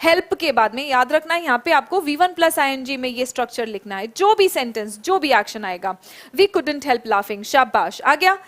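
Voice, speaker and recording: A woman teaching a live online spoken English class, praising students by name and drilling phrases slowly. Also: sits high, lively intonation. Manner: encouraging, calls students by name and praises them.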